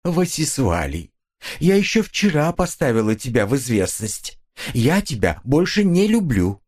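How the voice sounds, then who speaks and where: A man's voice: mid-range voice, big pitch swings, unhurried, a little mellow, breathy edge, pitched above the performer's own voice. A man voicing a cold, impatient wife who answers in a curt, dismissive manner. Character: cold, impatient wife leaving her husband, adult. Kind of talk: audiobook character voice.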